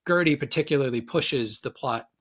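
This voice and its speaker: A man's voice: medium pitch, moderate pace, fairly bright tone. A man as a guest on a podcast in casual chat, thoughtful and hedging, often restarting his sentences.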